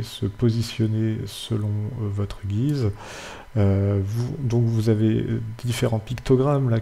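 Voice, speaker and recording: A young man hosting a casual screen-recorded software tutorial, hesitating often as he explains each step. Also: fairly low pitch, vocal fry, slightly rough. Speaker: tutorial host.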